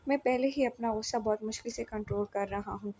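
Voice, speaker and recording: A woman's voice: a little high, quick pace, a little mellow, slight background noise, natural voice. A woman voicing an angry, protective young husband in a storybook romance, speaking sternly. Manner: stern and scolding, then coaxing.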